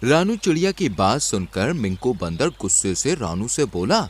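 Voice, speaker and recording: Male narrator for a cartoon moral story, expressive, mid pitch, very lively intonation. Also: normal speed, breathy edge.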